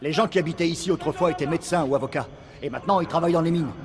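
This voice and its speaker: A man's voice: a little high, racing, lightly acted. An actor playing a wry, sardonic male resistance fighter in a game, with dry, sarcastic remarks. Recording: game audio, long reverb, crowd behind.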